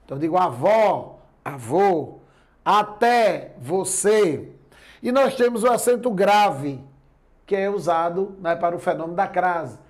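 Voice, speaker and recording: High-voiced man teaching grammar step by step. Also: fairly quick. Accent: Brazilian Portuguese. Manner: explains step by step, keeps checking in with listeners. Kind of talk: classroom lecture.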